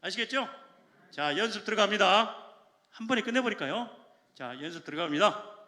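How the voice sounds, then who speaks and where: Man, church elder, high lively voice, very bright, shouting rally chants, echoey church hall. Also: fairly quick. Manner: energetic, joking, shouts call-and-response chants. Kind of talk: lively rally talk to a congregation. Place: large church sanctuary.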